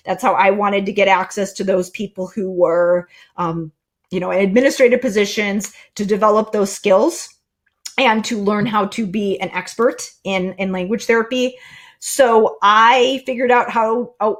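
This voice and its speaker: A middle-aged woman speaks into a desk mic during a live stream, in a mid-range voice. She talks casually and thinks out loud, with plenty of fillers and restarts. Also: medium pitch. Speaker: host.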